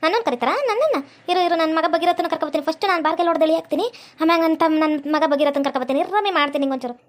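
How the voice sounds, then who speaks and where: A woman's voice: very high-pitched, racing, a little hiss or hum. Furious old village woman. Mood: furious scolding. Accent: North Karnataka Kannada. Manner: scolding, cursing loudly. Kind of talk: cartoon voice acting.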